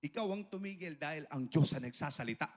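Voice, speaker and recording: A man's voice: fairly high pitch, lively intonation, fast, natural voice. A male preacher voicing a young child who boldly tells an adult to stop. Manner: bold, declaring. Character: young mute child who suddenly speaks.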